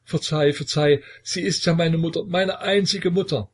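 Man doing a scared young prince, husky, high, begging, stammering, storybook. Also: fairly even intonation, unhurried, a little mellow. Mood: pleading. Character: terrified young prince, trembling, pleading son. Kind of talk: audiobook character voice.

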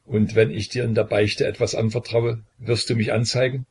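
A feverish, dying young prince who rails and shouts in a raised, husky, gravelly voice, as a male narrator acts him out. The voice climbs higher and louder than the reader's own in a spoken historical storybook. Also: flat delivery, normal speed. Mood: feverish fury.

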